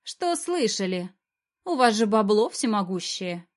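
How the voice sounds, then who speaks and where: A woman's voice: medium pitch, big pitch swings, unhurried. A woman voicing a sullen, defiant teenage girl who answers bluntly and suspiciously. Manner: blunt, suspicious, talks back.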